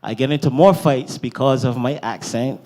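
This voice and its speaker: A man's voice: medium pitch, moderate pace, dark tone. A man from Barbados with a Bajan accent, telling a personal story as a guest in a panel talk, often checking in with "right?" and "yeah?".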